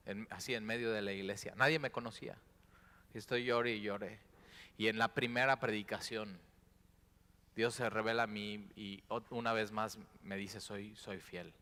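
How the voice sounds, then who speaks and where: A male pastor preaches with a bright, forceful voice that carries through a long hall reverb. He drops to hushed, prayerful tones, then surges into loud exclamations. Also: on the low side. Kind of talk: sermon. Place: church sanctuary.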